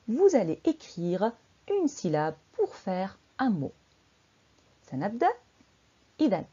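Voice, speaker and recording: A woman teacher drilling young children through a dictation lesson, sounding out syllables slowly and exaggeratedly and quizzing the class with encouraging questions. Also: mid-range voice, mellow, husky, highs cut off.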